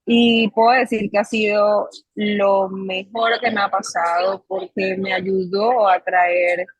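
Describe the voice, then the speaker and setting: Husky-voiced coastal woman. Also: mid-range voice, level tone, dry recording, rough recording. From Colombia, Caribbean coast. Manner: measured, with frequent pauses and fillers. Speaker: psychologist and mindfulness coach, guest. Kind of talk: interview guest, reflective storytelling.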